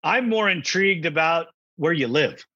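A man hosting an interview podcast, asking questions in a friendly, relaxed way with fillers. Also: fairly high pitch, moderate pace, slightly rough, no room sound, muffled recording. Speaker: podcast host. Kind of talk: casual interview.

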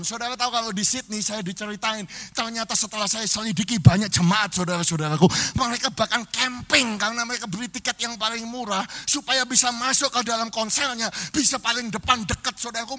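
A middle-aged pastor with a high-pitched voice delivers a funny sermon to a live congregation, speaking to them constantly and bursting into sung and shouted phrases.

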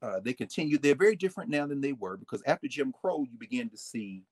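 Guy, husky voice, swings his pitch all over, lively storyteller. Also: quick pace, dry recording. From United States. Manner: animated, emphatic, quotes people in changing voices. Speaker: guest speaking on fraternities and history. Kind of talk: casual storytelling conversation.

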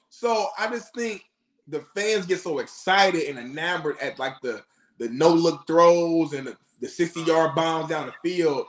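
His pitch is fairly high and his tone fairly bright as he co-hosts a laid-back sports talk show. Emphatic points and rhetorical questions fill his speech, captured in a roomy recording with echo.

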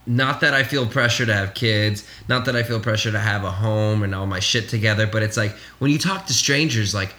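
A man's voice: on the low side, fairly quick, few pauses, bright, forceful tone. A man in his late twenties, co-hosting a casual podcast chat, rambling candidly and swearing freely. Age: 20s. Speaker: podcast co-host.

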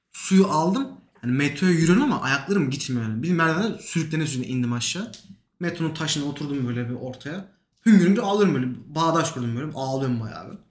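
Young man guest, tells his story fast with lively swings in pitch, roomy echo. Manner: animated, emotional retelling with quoted dialogue. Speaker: podcast guest. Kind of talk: casual storytelling. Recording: echoey room.

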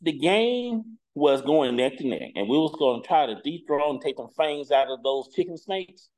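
Guy cohosting, really lively up and down voice, rambles through stories. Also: fairly high pitch, normal speed, rough recording. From Huntsville, Alabama. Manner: animated, rambling storyteller. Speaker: regular co-host. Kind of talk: casual podcast chat.

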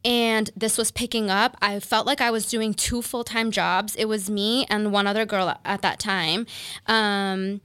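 A woman's voice: mid-range voice, steady tone, measured pace, a bit bright, clear, resonant tone, dry recording. A woman in her thirties, a makeup artist and business owner, telling her story in a casual interview with many fillers and restarts.

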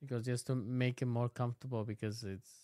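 Male podcast host, mid-pitched, dry studio-close sound, casual and encouraging interviewer. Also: level tone, fairly quick, warm tone, no room sound. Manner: reassuring, encouraging.

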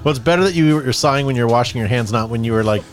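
A man's voice: medium pitch, very fast, music in the background. A man co-hosting a casual podcast, teasing the others and laughing often. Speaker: podcast co-host. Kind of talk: casual chat.

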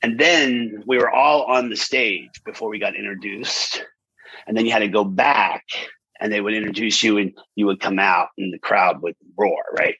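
A man in his fifties, an animated storyteller in a conversational interview, who acts out quotes with big jumps in pitch. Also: slightly rough, no echo, lo-fi sound. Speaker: guest.

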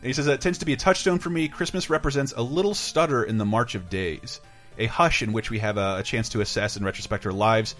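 A man's voice: medium pitch, quick pace, fairly bright tone, soft background music. A man hosting a podcast in casual chat, rambling and enthusiastic, swearing freely. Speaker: podcast host.

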